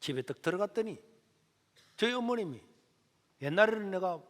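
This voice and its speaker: A middle-aged male pastor, telling a story in a lively sermon. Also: sits high, normal speed. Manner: animated storytelling. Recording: echoey church hall.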